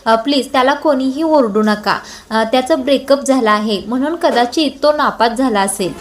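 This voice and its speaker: A woman voicing a gentle young wife who pleads softly to calm the family, in a high voice. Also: moderate pace, natural voice. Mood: pleading. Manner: soft, pleading. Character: gentle young married woman, calming peacemaker.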